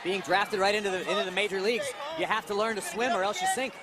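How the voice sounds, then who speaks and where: A man's voice: sits high, quick pace. A man giving live color commentary as a wrestling commentator, analyzing with emphatic, dramatic turns of phrase. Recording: loud arena crowd noise. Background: roaring crowd in an arena.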